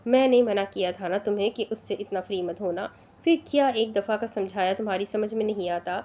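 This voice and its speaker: A woman's voice: medium pitch, dark tone, natural voice. A woman voicing an angry, jealous and possessive young man who talks in a stern, commanding way. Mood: scolding.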